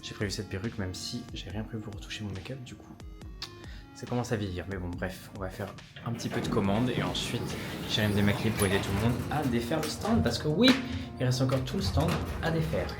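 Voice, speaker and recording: A man's voice: lowish voice, lively intonation, quick pace. A man chatting casually and effusively to a vlog audience in a camp manner, as the host. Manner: chatty, effusive, camp, calling people "ma belle". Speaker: vlog host, drag performer and makeup brand founder. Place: beauty convention pop-up stand. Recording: loud music behind, vehicle noise.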